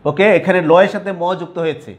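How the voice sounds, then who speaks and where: Here a high-pitched male lecturer walks students through pronunciation rules. He repeats sample words at a slow pace and keeps asking whether the class is following.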